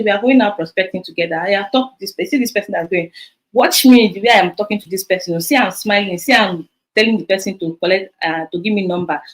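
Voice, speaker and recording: Energetic Nigerian woman coaching her team. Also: medium pitch, low-quality recording. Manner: animated, repeats key points, drops in Pidgin. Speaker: business coach. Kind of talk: motivational talk to her sales team. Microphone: phone.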